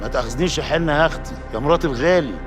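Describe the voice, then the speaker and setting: A man's voice: fairly high pitch, rapid-fire, music in the background, natural voice. An actor playing a sly, theatrical middleman. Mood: mock-outraged. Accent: Egyptian Arabic. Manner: theatrical, mock indignant. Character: sly middleman, mock-outraged. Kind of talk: Egyptian TV drama acting.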